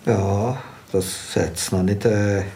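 A stuffy, inhibited Swiss husband in a mock docu-soap. He is low-voiced, hesitant and bumbling, with a Swiss accent and some noise around him. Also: steady tone, takes it slowly, mellow. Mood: bumbling, puzzled. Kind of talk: improvised mock-documentary comedy. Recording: clear background noise and ambience.

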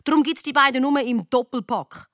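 A woman with a Swiss German accent reading a children's story in the first person, cheeky and lively. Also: sits high, a little fast, dry recording, clean studio sound. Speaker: audiobook reader.

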